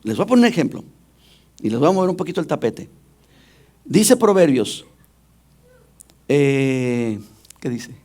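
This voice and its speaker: A man's voice: fairly high pitch, big pitch swings, measured pace, long pauses, darkish tone. A man preaching a sermon as pastor, often putting questions directly to the congregation.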